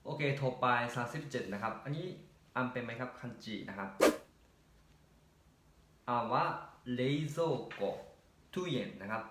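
A man, teaching Japanese grammar by explaining each answer patiently and reading example sentences slowly. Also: mid-range voice, expressive, fairly bright tone, reverberant, a little hiss or hum. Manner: patient, repeats "นะครับ" often and reads example sentences slowly.

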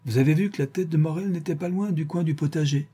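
A man reading an audiobook, voicing a stern, shrewd woman who questions her servants in a measured, deliberate way. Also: a little high, mellow, slightly rough, pitched above the performer's own voice. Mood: cold.

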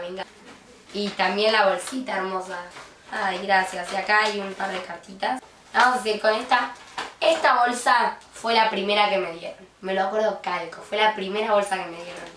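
A woman's voice: medium pitch, echoey room, distant mic, a little hiss or hum. Gushing young Argentine woman, unboxing. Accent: Argentine Spanish. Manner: gushing, excitable, with frequent squeals. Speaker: vlogger. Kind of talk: unboxing vlog.

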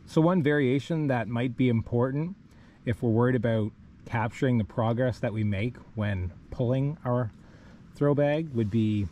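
A man's voice: mid-range voice, normal speed, mellow, a little hiss or hum. A man teaching kayak rescue rigging step by step, talking plainly while he works the ropes on a rocky riverbank, recorded by a camera he wears. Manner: plain, methodical, talks while rigging by hand. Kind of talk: step-by-step instructional demo. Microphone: wearable camera on body.

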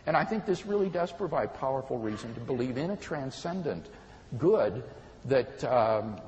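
A man giving an earnest, measured talk on moral philosophy, illustrating his points with stories. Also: mid-range voice, sing-song, a little mellow, long reverb tail, highs cut off, slight background noise. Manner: measured and earnest, storytelling examples. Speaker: speaker on philosophy. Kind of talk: explanatory talk.

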